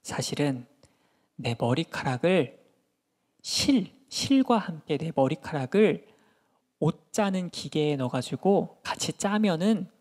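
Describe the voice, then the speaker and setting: A man voicing a mighty strongman who shares a made-up secret slowly and in a low, confiding tone. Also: sing-song, a little mellow, full character voice.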